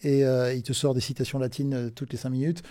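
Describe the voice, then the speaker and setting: A man's voice: mid-range voice, level tone, fairly quick, mellow, no echo. A middle-aged man talking as a podcast guest in a casual interview, informal and hesitant, with many fillers and restarts. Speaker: podcast guest, recruitment firm director.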